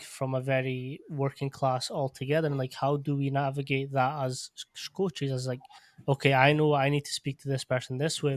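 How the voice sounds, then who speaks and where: A man from Portugal hosting a podcast, speaking in a measured, reflective way and often restarting his phrases. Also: medium pitch, no room sound, studio quality. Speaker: podcast host. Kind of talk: casual interview conversation. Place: podcast studio.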